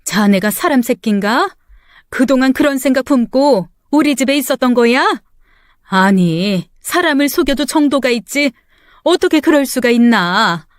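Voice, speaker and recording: A woman's voice: high-pitched, expressive, normal speed, no echo, studio quality. A woman voicing a furious elderly mother-in-law who curses and scolds her son-in-law in a dramatized story. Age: older. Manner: scolding, cursing. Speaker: story character voice.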